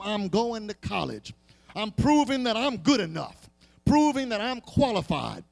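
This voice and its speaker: Before an audience at a live public gathering, a man with a high-pitched, somewhat bright voice gives an impassioned, dramatic sermon-style oration. He drives his points home through emphatic, rhythmic repetition.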